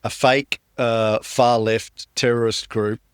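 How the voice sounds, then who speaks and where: A man hosting a casual investing podcast, joking and quick to talk over his co-host. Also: medium pitch, flat delivery, smooth, no echo, clean studio sound. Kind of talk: casual chat.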